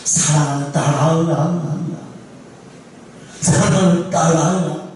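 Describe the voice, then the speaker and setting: God speaking down to a grieving woman, slow and solemn, low and hushed, sometimes rising sharply in rebuke, as a male preacher puts Him on. The voice rings through a very echoey church hall, heard from a distance with faint noise behind. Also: fairly even intonation.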